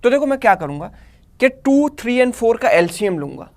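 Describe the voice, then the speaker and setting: A man's voice: very high voice, very animated, brisk. Man, Indian English accent, live online math teacher, step-by-step explainer who keeps checking in.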